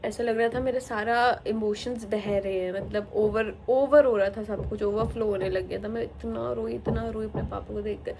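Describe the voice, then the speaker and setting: A woman's voice: on the high side, steady tone, moderate pace, gravelly, few pauses, background noise. A young woman, a new mother, talking candidly and emotionally to camera in a casual vlog. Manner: emotional, candid, mixes English into her talk.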